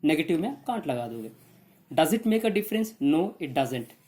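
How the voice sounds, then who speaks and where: A woman teaching English to students in an exam revision lesson, with an Indian English accent, switching between Hindi and English and slowly repeating example words. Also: low voice, big pitch swings, warm tone.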